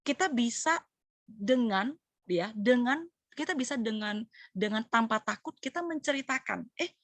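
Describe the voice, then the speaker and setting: A middle-aged woman leading a church cell group, preaching in a lively way, acting out quoted voices and mixing slang with English. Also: a little high, measured pace, no echo. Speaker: cell group leader sharing a sermon.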